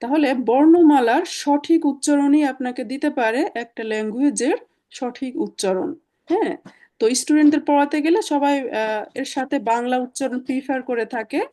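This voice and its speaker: A woman's voice: high voice, fairly quick, warm tone. A woman teaching German in an online class over a video call, explaining patiently step by step with many fillers.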